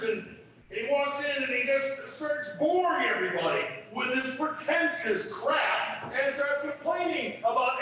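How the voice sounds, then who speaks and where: A man acting in a live stage comedy, delivering bar jokes in a drawn-out deadpan way, captured by a distant mic in an echoey theater. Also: very high voice, heavily acted. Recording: echoey stage recorded from far off, hissy.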